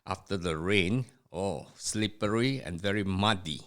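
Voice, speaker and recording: Reminiscing about his family in a podcast interview, this older man from Singapore is the host's father and a guest on the show. His voice is very low and deep yet fairly bright in tone, and he talks slowly. He pauses a lot, restarts sentences and says "uh" to fill the gaps.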